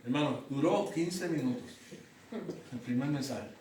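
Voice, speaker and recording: Picked up by a distant mic in a roomy church classroom with faint noise, a middle-aged pastor teaches Bible study and shares personal testimony. His voice is mid-range and darkish, his pace measured, and he talks conversationally with rhetorical questions and frequent restarts.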